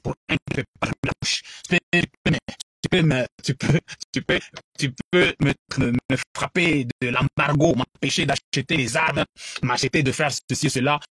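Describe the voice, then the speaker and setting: Emphatic Congolese man, husky preaching voice. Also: mid-range voice, moderate pace, a bit bright, no echo, poor audio. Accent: Congolese French. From Democratic Republic of the Congo. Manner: repetitive, emphatic, switching between French and English. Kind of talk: bilingual preaching address.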